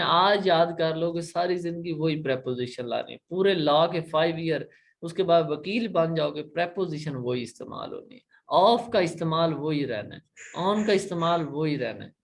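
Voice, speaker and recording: A man with a Pakistani accent teaching an online class, explaining patiently, repeating points and often checking that students follow. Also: a little high. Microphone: laptop.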